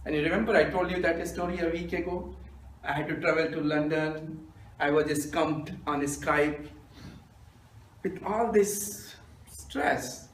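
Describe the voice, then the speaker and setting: A man, telling self-mocking jokes in a deadpan storytelling manner as a humorous club speaker. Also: on the high side, measured pace, a little hiss or hum. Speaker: stand-up speaker. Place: meeting room with audience. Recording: echoey room from a distance.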